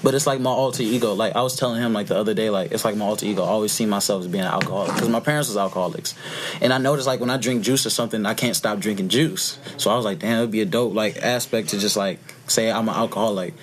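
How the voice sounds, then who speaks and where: A man's voice: on the low side, quick pace. A nineteen-year-old man, a rapper guest, talking casually in a loose, rambling way, often adding "you feel me". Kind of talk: casual interview chat.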